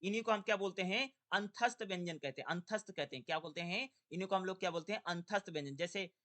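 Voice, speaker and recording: A young man with a high, sharp-toned voice teaches an exam-prep lesson. He poses rhetorical questions and answers them himself, and in his drills he stretches syllables out slowly.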